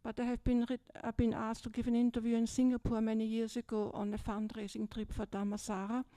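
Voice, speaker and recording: Seated on a low stage in a big, dimly lit hall, an older Buddhist nun from Austria speaks to a retreat group with an Austrian German accent, sharing a personal story. She talks briskly in a level tone, her voice fairly high, soft, and mellow, and keeps asking "yeah?" in her chatty way. The handheld mic gives a close, dry sound without echo.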